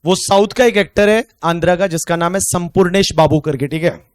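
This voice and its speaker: A man with an Indian accent teaching an online tax class, chatting casually and joking, then slowly dictating questions. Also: sits high, clear, resonant tone, dry recording, studio quality.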